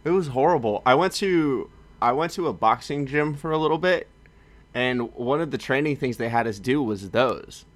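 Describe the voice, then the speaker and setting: A man's voice: medium pitch, moderate pace. A young man chats casually and tells stories with energy. He acts out what other people said as he tells it. He sounds like a former college football player talking with an old teammate. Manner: animated storyteller, acts out quotes. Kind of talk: casual chat.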